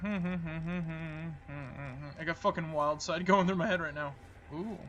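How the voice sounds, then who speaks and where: A man's voice: fairly high pitch, measured pace, sharp tone, muffled recording, slight background noise. A man giving casual, profane let's play commentary, muttering to himself as he plays. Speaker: video game player.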